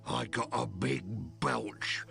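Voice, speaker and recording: A man's voice: low voice, huge pitch swings, slow pace, vocal fry, bright, forceful tone, raised voice, faint music behind, exaggerated voice. A man voicing a dim machine creature in a video game, speaking in terse, broken sentences. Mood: slow, dim. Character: dim, slow machine creature that sucks and blows. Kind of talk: video game character acting.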